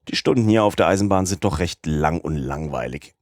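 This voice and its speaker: A determined, scheming police agent, read by a male narrator in a storybook. He speaks firmly and persuasively. The voice is low, the sound close and dry. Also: lively intonation, brisk, dry recording. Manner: firm, persuasive.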